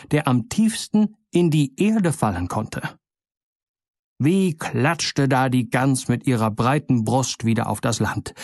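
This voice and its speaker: Male storyteller, mid-pitched, dry close sound, fairy tale reading. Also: no echo. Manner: measured, expressive storybook narration. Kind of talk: fairy tale read aloud.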